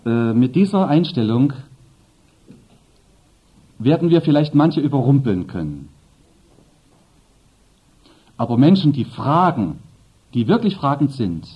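Lively, husky-voiced preacher man. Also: medium pitch. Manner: lively, emphatic preaching with asides to the congregation. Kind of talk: sermon. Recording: dull lo-fi sermon recording.

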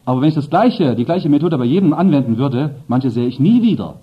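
A man's voice: on the high side, expressive, fairly quick, slightly rough. A man preaching a sermon, speaking emphatically and addressing the congregation with asides. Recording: dull lo-fi sermon recording.

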